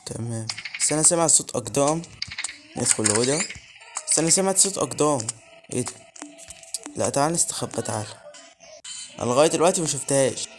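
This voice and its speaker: A man's voice: mid-range voice, expressive, fast talker, long pauses. An Egyptian man giving let's play commentary on a horror game, muttering nervously and breaking into sudden yelps. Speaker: gaming channel host. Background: game music.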